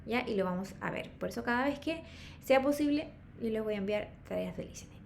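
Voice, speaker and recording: Teacher lady, high voice, swoops around a lot, keeps asking ok? ya?. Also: brisk, creaky, slight background noise. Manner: lively, checks in with constant "¿ok?" and "¿ya?". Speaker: English teacher. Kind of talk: online class lecture.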